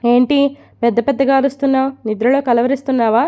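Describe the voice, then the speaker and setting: A woman's voice: sits high, steady tone, quick pace, dark tone, close to an everyday voice. A woman voicing a strict mother who scolds her daughter and orders her about. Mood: scolding. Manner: scolding, commanding. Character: stern strict mother forcing a marriage.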